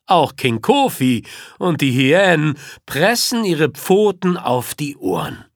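A man narrating a children's story with playful animation. He speaks very slowly, his pitch leaping and dipping with the tale, in a dry, close studio sound. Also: big pitch swings, no room sound. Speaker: audiobook narrator.

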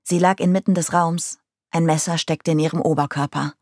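Female audiobook narrator, low voice, dry close sound, calm and measured. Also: dry recording. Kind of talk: audiobook reading of a crime novel.

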